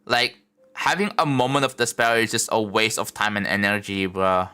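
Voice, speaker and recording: Here's a young guy on a home livestream, putting together a game level and rambling easily, full of "likes" and "bros." He speaks at a normal speed in a fairly low, steady voice that sounds pushed and bright, recorded cleanly over faint background music.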